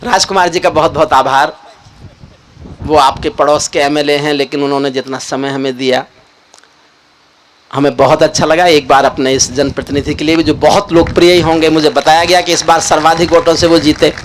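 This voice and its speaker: An older man, a poet, telling jokes and stories to a live audience with animated, expressive delivery. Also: fairly high pitch, a little hiss or hum. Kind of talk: stage poetry and joke telling to a live audience. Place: live event stage.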